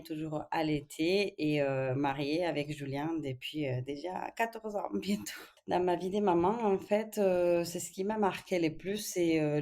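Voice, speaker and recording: A woman from Spain with a low voice talks as a guest on a podcast. She speaks in a thoughtful, hesitant way, pausing often with fillers, in a relaxed interview setting. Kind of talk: casual interview.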